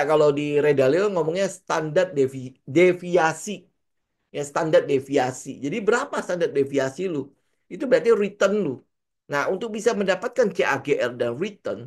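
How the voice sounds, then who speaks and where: A man with a Jakarta-slang Indonesian accent, giving a casual trading lesson. He keeps asking rhetorical questions and acts out what traders say. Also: a little high. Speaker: trading coach.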